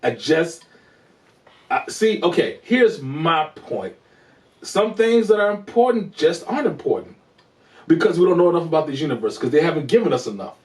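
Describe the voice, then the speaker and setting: A man co-hosting a TV review show, chatting casually in an animated, joking way and laughing often. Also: a little high, normal speed. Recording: roomy, distant from the mic.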